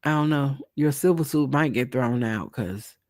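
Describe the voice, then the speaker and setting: A man hosts a live stream offering casual commentary on a court trial, thinking aloud in a congested, nasal voice. He speaks at a normal speed in a mid-range voice, with studio-quality audio and no room sound.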